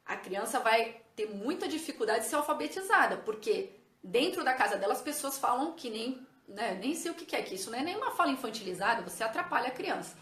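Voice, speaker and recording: Woman, high voice, patient teacher, echoey room. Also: lively intonation, fast, a bit bright. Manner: patient, addresses viewers as "gente", checks with "ok?" and "tá vendo?". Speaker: teacher and educational psychologist. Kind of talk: explanatory video lesson.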